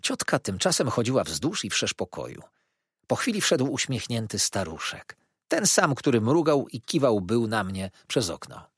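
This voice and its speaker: A man's voice: medium pitch, sing-song, moderate pace, husky, no echo, clean studio sound. A man reading a novel aloud as an audiobook narrator, telling the story expressively. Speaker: audiobook reader. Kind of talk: scripted narration.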